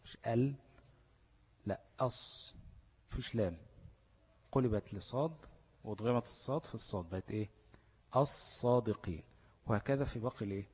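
A man's voice: fairly low pitch, warm tone, husky, long reverb tail. A man with an Egyptian Arabic accent teaching a tajweed lesson. He explains step by step and keeps asking check questions. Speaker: Quran recitation teacher.

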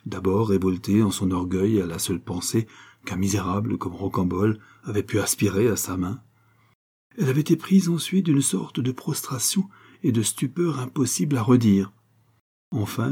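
A man narrating a classic novel as an audiobook in an even, literary storytelling manner. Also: fairly low pitch, normal speed, husky.

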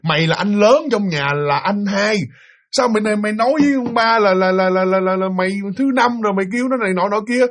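A man voicing a furious middle-aged father, shouting stammering rebukes at his son. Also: high-pitched, fast talker, slight background noise, pitched above the performer's own voice.

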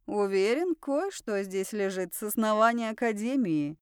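A woman's voice: medium pitch, expressive, normal speed, darkish tone, clear, resonant tone, no echo, studio quality, natural voice. A woman playing a smug, teasing young man. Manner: ironic, drawling, cocky.

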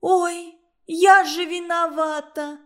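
A woman voicing a fussy, self-righteous young girl in a shrill, whiny, insistent voice. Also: normal speed, a bit bright. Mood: shrill indignant.

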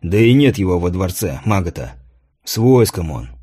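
A man voicing a gruff, drunken, one-armed soldier commander who growls and grumbles. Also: low-pitched, very animated, moderate pace, dark tone, voice pushed down, full character voice. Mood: resolute. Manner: growling, surly.

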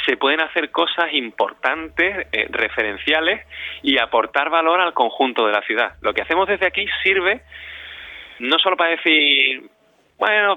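Being interviewed, this community radio director speaks in a voice on the high side, talking conversationally and reflectively. He often repeats words as he looks for his phrasing. The dull lo-fi recording is dry, with no echo.

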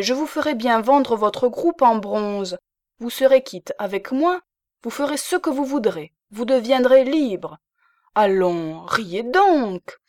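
A woman's voice: fairly high pitch, darkish tone, dry recording, studio quality, pitched above the performer's own voice. Woman voicing fierce bossy old spinster. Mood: coaxing. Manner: vehement, scolding, bossy. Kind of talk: audiobook character reading.

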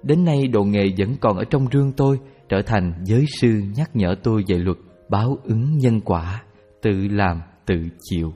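Mellow-voiced man narrating a story. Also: fairly low pitch, breathy edge. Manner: calm, measured storytelling. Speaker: father telling a personal Buddhist story. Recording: reverberant with background music.

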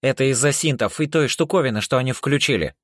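A man voicing a clone who explains things in a brisk, matter-of-fact way. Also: medium pitch, no echo, studio quality, pitched above the performer's own voice, natural voice. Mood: explaining.

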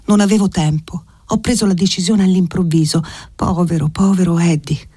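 A man's voice: high voice, steady tone, normal speed, mellow, slightly rough, no room sound, studio quality. A man reading an audiobook voices a frightened young woman who has fled to her guardian, speaking in a pleading, anxious way.

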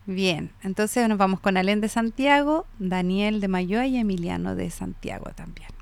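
A Chilean woman co-hosting a radio talk show, speaking in a smooth, resonant voice. She chats casually and affirms what her partner says, at a middling pitch. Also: normal speed, dry recording. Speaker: radio host.

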